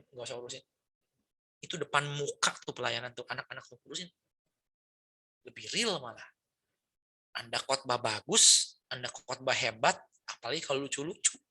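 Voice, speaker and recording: Bright-voiced chatty male pastor. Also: medium pitch, husky. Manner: chatty, peppers speech with tag questions and English words. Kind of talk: conversational sermon.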